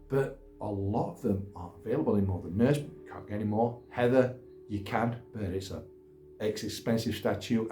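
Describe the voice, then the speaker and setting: A man's voice: lowish voice, darkish tone. Male host, casual and rambling, recorded at home in a reverberant room. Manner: rambling, chatty, self-deprecating. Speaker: gaming YouTuber host. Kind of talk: casual chat. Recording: roomy echo.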